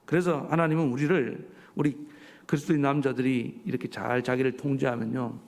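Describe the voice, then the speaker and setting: A male pastor delivering a sermon, animated and full of rhetorical questions to his congregation. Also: medium pitch, a little fast, creaky. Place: church sanctuary. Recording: church hall reverb.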